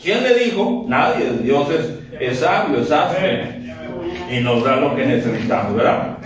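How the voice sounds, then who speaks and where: A man preaching a lively, joking sermon, acting out quick dialogues to his congregation. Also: mid-range voice, crowd noise. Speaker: pastor. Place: church sanctuary. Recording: very echoey church from a distance.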